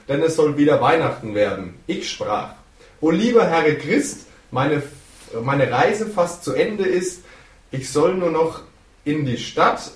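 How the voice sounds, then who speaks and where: A man reading a Christmas poem aloud slowly and deliberately, stumbling and correcting himself now and then. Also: on the high side, recorded from a distance. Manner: slow, deliberate recitation with small slips. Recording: echoey room, away from the mic.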